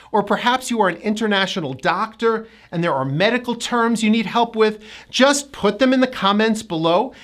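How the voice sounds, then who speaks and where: Woman, North American accent, pronunciation coach; animated intonation, deliberate word-by-word delivery. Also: mid-range voice. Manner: models words slowly and clearly, stretching stressed syllables. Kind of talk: scripted pronunciation lesson.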